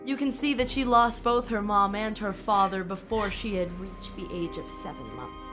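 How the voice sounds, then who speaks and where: A woman narrating a tabletop role-playing game as game master, her delivery lively and full of laughter. She sometimes stumbles and corrects herself mid-sentence. Faint music plays in the background. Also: medium pitch, normal speed.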